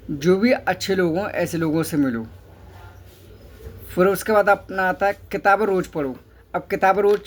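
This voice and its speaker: A man's voice: fairly high pitch, a little hiss or hum. A man giving a motivational talk, instructing listeners step by step, asking questions and answering them himself, and repeating key phrases for emphasis. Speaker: motivational speaker.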